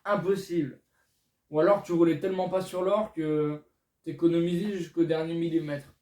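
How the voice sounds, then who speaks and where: Young male vlogger, high voice, teasing and casual; roomy sound, mic set back. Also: fairly even intonation, moderate pace, mellow. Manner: chatty, self-mocking, speaks straight to viewers. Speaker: YouTuber. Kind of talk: casual vlog talking to viewers. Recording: echoey room, mic at a distance.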